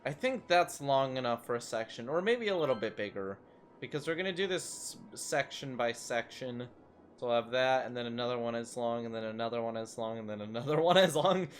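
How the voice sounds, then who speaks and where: A man's voice: medium pitch, animated, a little fast. Chatty young man narrating gameplay. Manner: chatty, self-mocking, rambling asides. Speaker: gaming YouTuber. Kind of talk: casual gameplay commentary.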